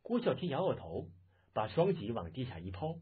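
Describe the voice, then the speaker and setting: A man reading a martial-arts novel aloud as a dramatic, animated audiobook narrator. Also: medium pitch, moderate pace, slightly rough. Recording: muffled, phone-like lo-fi audio.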